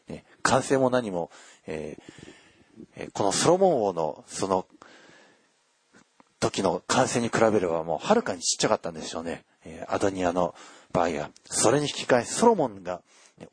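A man preaching a sermon and reading scripture aloud, earnest and emphatic, with frequent filler pauses. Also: on the low side, slightly rough, dry recording. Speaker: pastor.

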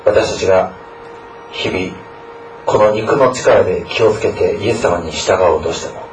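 A school chaplain reads scripture, prays and preaches to students in an earnest manner, frequently tacking a questioning tag onto his sentences. His voice is low and his speed normal. The room is echoey, the mic is distant, and there's slight background noise.

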